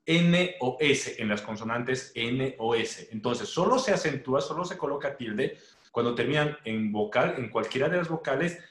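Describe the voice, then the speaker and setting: A male teacher giving a primary school lesson, speaking slowly and deliberately, repeating words and checking in with short questions. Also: medium pitch, expressive. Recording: echoey room.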